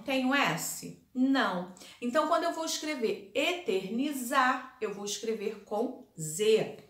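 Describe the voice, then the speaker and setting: A woman teacher giving a recorded lesson, explaining slowly, repeating words and answering her own questions. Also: fairly high pitch, a bit bright. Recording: echoey room.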